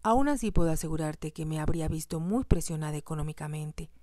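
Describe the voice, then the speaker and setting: A woman's voice: sits low, brisk, dark tone, no echo, clean studio sound, lightly acted. A woman voicing a haughty, hostile stepmother who speaks in a cold, curt and scornful way.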